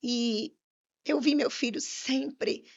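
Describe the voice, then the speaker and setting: A woman minister gives an earnest, fervent personal testimony. Her voice is somewhat high and gravelly. The podcast audio sounds slightly dull and muffled. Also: fairly even intonation, extremely slow. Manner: earnest storytelling with fervent religious emphasis.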